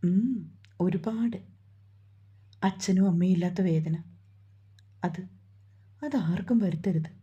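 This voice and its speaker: A gentle, sorrowful young woman in a romantic storybook, speaking softly, as a woman reads her lines. The voice is very husky and breathy, with a dark, mellow tone on a dull lo-fi recording. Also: fairly low pitch, slow, pauses often, full character voice. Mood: sad. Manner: soft, sorrowful.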